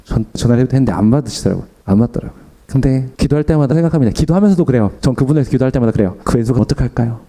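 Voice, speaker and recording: A young adult man preaching a sermon, telling personal stories with acted-out quotes and self-deprecating humor, his pitch jumping up for emphasis. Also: racing, few pauses. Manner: animated, pitch jumps up for emphasis.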